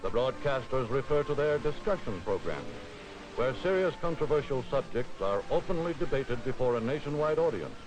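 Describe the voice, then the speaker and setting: A man's voice: medium pitch, big pitch swings, normal speed, rough recording. A man giving formal, authoritative 1940s newsreel narration in a declamatory voice. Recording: old film soundtrack with music bed.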